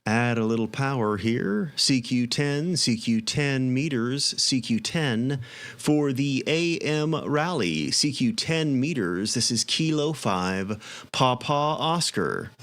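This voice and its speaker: Medium-pitched man working ham radio. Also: slow pace, fairly bright tone. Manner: spells call signs in phonetic alphabet. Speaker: amateur radio operator. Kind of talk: casual radio operating, calling contacts.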